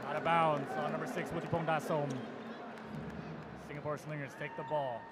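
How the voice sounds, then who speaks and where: Man, basketball play-by-play, somewhat high voice, excited calls, loud arena crowd behind. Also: brisk, heavy background noise. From United States. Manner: excited calls that jump in pitch on big plays. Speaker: play-by-play commentator. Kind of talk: live basketball commentary. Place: basketball arena broadcast booth.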